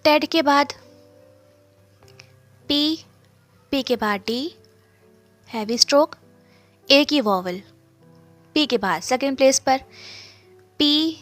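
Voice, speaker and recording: In a clean recording with no room sound, a high-voiced woman with a fairly bright tone teaches shorthand one step at a time. She repeats each sound and asks herself questions before answering them.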